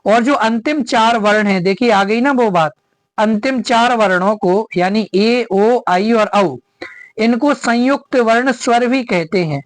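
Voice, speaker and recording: Unhurried grammar teacher, lecture style, repeats definitions, dry close sound. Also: mid-range voice, dry recording. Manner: repeats definitions and asks rhetorical check-in questions.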